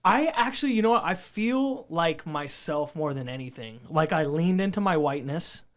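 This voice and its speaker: A man's voice: fairly high pitch, expressive, normal speed. A man from the Bay Area who works as a radio personality, talking in a rambling, easygoing and self-mocking way on a podcast. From San Francisco Bay Area. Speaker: radio co-host. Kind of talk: casual podcast chat.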